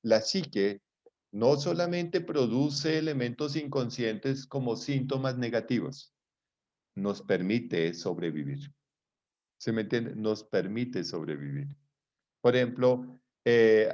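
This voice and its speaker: This psychology lecturer speaks at a measured pace with a medium pitch and a darkish tone. Teaching live, he keeps things conversational and keeps asking rhetorical questions to see if the class is following, all captured on a dull lo-fi recording.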